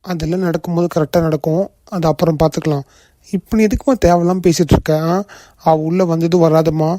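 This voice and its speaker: A man voicing a calm, protective young husband in a cartoon, firm and reassuring. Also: on the high side, quick pace, dry recording, lightly acted. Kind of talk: cartoon voice acting.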